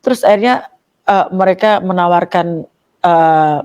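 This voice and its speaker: A woman's voice: fairly low pitch, unhurried, darkish tone, clear, resonant tone, highs cut off. A young woman giving an emotional personal testimony, telling her story with animation and acting out what other people said. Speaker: guest giving a conversion testimony.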